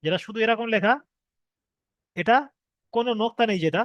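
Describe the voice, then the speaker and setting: Patient high-voiced male Quran teacher. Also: no echo, lo-fi sound. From Bengal. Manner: patient, repeats each point, asks students if they understood; draws out letter sounds slowly as examples. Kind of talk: online Arabic letters lesson.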